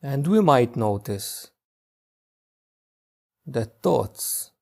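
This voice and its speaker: Leading a meditation session, a male teacher speaks at a medium pitch with big pitch swings and a gravelly texture. His guidance is soft and unhurried, punctuated by long pauses.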